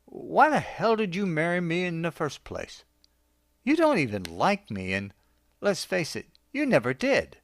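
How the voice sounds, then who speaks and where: A man's voice: fairly high pitch, huge pitch swings, dry recording, studio quality, pitched above the performer's own voice, heavily acted. A man doing a drunk, slurring fired office worker. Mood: drunkenly rambling. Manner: rambling, halting.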